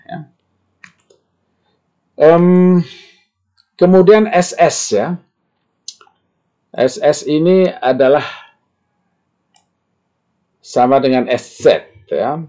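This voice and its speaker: Guy teaching a language class, says each word slow and ends lines with "ya", pitch goes all over. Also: warm tone, muffled recording. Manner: repeats example words slowly, tags lines with "ya". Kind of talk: slow explanatory lesson.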